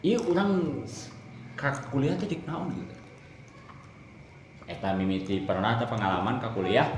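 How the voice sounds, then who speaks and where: A young man with a Sundanese accent, answering interview questions in a relaxed chat and repeating his words. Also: mid-range voice, normal speed, echoey room, soft background music. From West Java, Indonesia.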